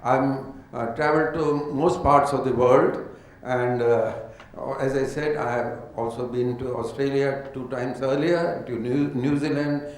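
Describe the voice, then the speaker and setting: A man's voice: medium pitch, steady tone, unhurried. A man speaking earnestly and hesitantly at a panel talk. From India. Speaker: conference speaker. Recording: roomy hall sound.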